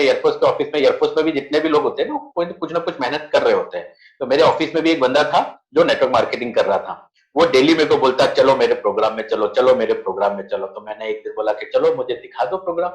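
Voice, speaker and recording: A middle-aged man with an Indian accent, telling his personal story in a conversational, earnest way as a network marketing leader on a video call. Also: medium pitch. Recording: echoey room on a video call.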